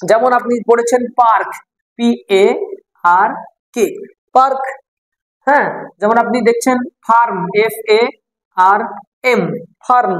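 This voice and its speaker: A woman's voice: on the high side, steady tone, rough recording. Patient woman spelling out English words. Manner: repeats and spells out letters slowly, mixing in English phrases. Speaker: English reading teacher. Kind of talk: explanatory online lesson.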